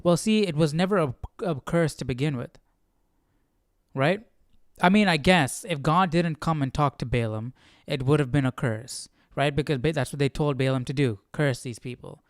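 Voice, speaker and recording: Speaking at a moderate pace in a slightly high voice, this Bible study livestream host offers relaxed, reflective commentary on scripture, frequently posing rhetorical questions. The recording is dry and studio quality.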